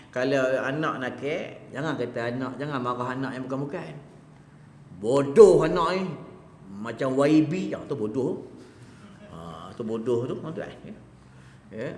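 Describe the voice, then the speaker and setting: A man's voice: medium pitch, a little hiss or hum. A man with a Malaysian Malay accent giving an evening mosque lecture, telling a story with humour and acting out its voices. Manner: animated, joking, acts out voices in the tale. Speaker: religious teacher. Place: mosque hall. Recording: echoey hall with long reverb.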